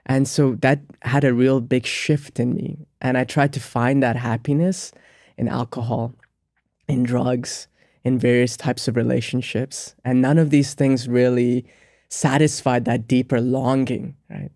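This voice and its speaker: With a mid-range, slightly mellow voice that barely moves in pitch, this American-raised monk and spiritual teacher speaks at a measured pace about his life in an interview. He is earnest and reflective, often saying um and starting over. The studio-quality recording has no echo.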